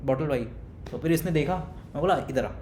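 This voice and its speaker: A young man casually telling a storytime, animated and acting out his friends' lines, then dropping to low mutters. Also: a little fast. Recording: echoey room with faint rumble.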